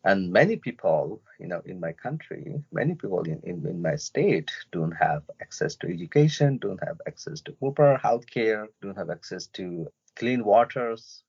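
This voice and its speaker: A man from Myanmar speaking as an interview guest, in a halting way with many fillers and restarts, on dull lo-fi podcast audio. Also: on the low side, big pitch swings, gravelly, darkish tone, husky. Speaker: interview guest, refugee and journalist. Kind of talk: casual interview talk.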